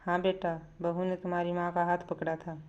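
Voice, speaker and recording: An older father-in-law in a family storybook tale, anxiously asking about the shouting, as a woman narrator plays him. His voice is low and flat. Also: normal speed, clean tone, lo-fi sound, close to an everyday voice. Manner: anxious questioning. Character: elderly father-in-law, worried.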